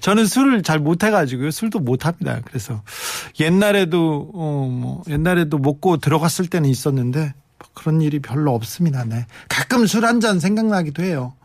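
A middle-aged man hosting a live radio show, chatting casually as he reads out listener messages, swinging between excited bursts and softer asides. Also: a little high, brisk, dry recording, studio quality.

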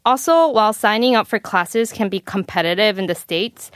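A young woman speaking as a guest in a casual podcast chat, relaxed and thoughtful. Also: medium pitch, moderate pace, no room sound, studio quality.

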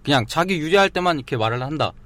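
A man's voice: on the high side, expressive, very fast, fairly bright tone. A man appearing as a guest actor on a casual talk show, polite and hesitant with many yes-fillers.

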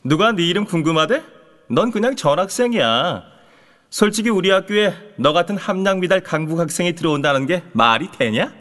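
Snobby teen bully, high sharp sneering voice, audio drama. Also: male voice, expressive, a little fast, big-room sound. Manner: sneering, haughty. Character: arrogant, snobbish elite high school bully boy.

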